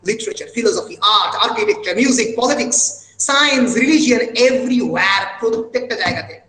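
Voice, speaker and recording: Slow, high-voiced man lecturing. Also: expressive, bright, forceful tone, reverberant, in a large hall, low-quality recording. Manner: lecturing with many drawn-out fillers; recites quotations with feeling. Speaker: literature lecturer. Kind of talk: online lecture mixing Bengali and English.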